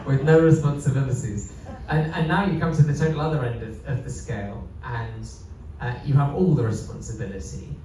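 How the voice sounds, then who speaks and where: A man's voice: mid-range voice, brisk, dark tone. A man working as a cruise director, conducting a live interview in front of guests. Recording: echoey room, distant mic, faint noise.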